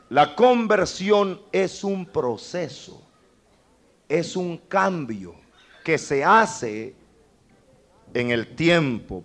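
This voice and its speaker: Animated preacher, big pitch swings. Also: male voice. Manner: impassioned, with sudden leaps to high cries and humorous asides; addresses the congregation directly as brother. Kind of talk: sermon.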